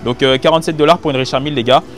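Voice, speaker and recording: A man's voice: mid-range voice, steady tone, rapid-fire. A man talking casually to his viewers in informal, slangy French while thinking aloud, recorded candidly on a hidden mic as he shops. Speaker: vlogger reviewing market goods to viewers. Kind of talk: casual spoken vlog, addressing viewers. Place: busy market stalls, recorded on location. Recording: hidden mic on location, music behind.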